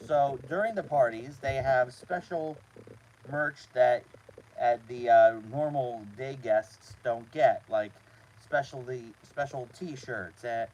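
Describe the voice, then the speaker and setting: A man's voice: mid-range voice, a little mellow. Man hosting from inside a small trailer, noisy recording. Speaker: host of a live show. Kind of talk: casual live-stream talk to a chat audience.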